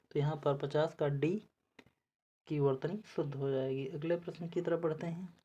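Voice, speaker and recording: A woman's voice: sits low, mellow, slightly rough. A woman teacher working through spelling quiz answers for exam preparation, methodical and repeating each word as she checks the options.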